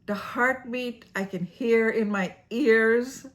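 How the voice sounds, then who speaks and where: A woman with a somewhat high voice narrates a scripted science explainer as the show's host. She takes her time, letting each phrase land slowly. Her delivery is playful and theatrical, often breaking into a laugh at her own jokes. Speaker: host of an educational series.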